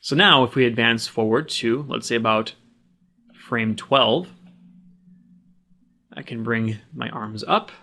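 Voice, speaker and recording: A mid-pitched male instructor voices over a screen recording for a software tutorial, plainly and practically explaining each step as he does it. His delivery is slow and creaky, with frequent pauses.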